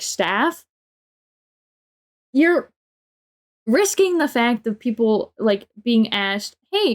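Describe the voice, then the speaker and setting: A young adult woman livestreamer telling a casual, exasperated story with lots of swearing and filler words. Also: a little high.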